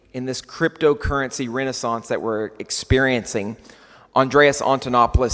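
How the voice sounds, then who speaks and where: A man with a West Texas accent gives a prepared conference talk, using deliberate, emphatic phrasing and repeating key words. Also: mid-range voice. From West Texas, United States. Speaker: conference speaker. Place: large indoor conference hall. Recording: echoey hall with long reverb.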